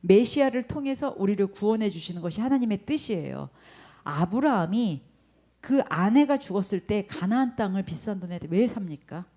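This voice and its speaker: A woman's voice: mid-range voice, normal speed. A woman pastor preaching a sermon, acting out grumbling remarks and asking the congregation questions. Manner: animated, acts out grumbling quotes, questions the congregation.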